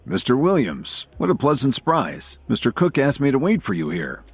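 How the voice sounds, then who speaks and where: A man's voice: medium pitch, sing-song, fairly quick, pitched above the performer's own voice. A man doing a stern, brusque hotel security chief. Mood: courteous. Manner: brusque, scolding. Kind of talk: audiobook character voice. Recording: tinny phone-like audio, faint music.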